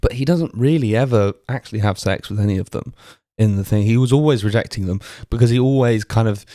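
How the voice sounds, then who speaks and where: A man co-hosting a podcast, discussing a film in a rambling, halting way with many fillers. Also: lowish voice, mellow, dry recording, clean studio sound. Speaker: podcast co-host.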